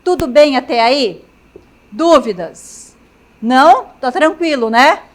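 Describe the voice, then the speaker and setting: Brazilian woman teacher, high voice, slow and patient, keeps checking in with the class. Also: expressive. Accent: Brazilian Portuguese. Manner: checks in with students often, writes on a chalkboard. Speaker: grammar teacher. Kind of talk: classroom lecture.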